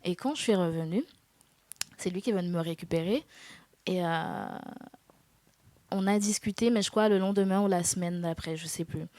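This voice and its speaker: A woman in her twenties giving a personal faith testimony in an interview, earnest and hesitant, with soft laughs. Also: on the low side, dry recording. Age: 20s. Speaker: guest.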